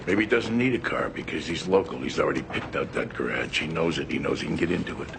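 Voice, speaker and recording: An actor playing a gruff police detective who talks out his theories quickly. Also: a bass voice. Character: gruff male cop, blunt and quick. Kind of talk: TV crime drama acting. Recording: loud background noise.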